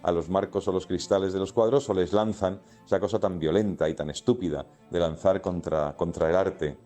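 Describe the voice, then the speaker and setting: A man being interviewed, with a very low, dark voice, speaking dismissively and stopping to search for words. Faint music plays under him. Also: fairly even intonation. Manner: dismissive, halting. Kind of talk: interview clip.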